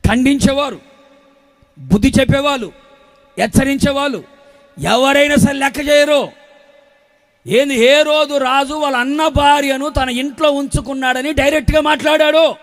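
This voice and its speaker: A male pastor preaching a sermon, building to shouted, half-sung emphasis and dropping low and soft for asides.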